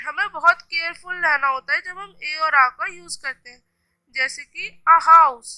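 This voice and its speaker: A woman's voice: high-pitched, bright, forceful tone, dry recording, low-quality recording. A woman teacher with an Indian accent explaining a grammar worksheet step by step and reading example sentences aloud. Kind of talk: classroom grammar lesson.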